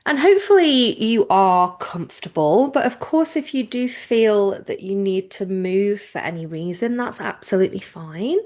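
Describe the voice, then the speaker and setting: A woman teaching yoga nidra sounds animated in her mid-range voice while still offering gentle, reassuring relaxation cues. She phrases things informally and without hurry, leaving pauses.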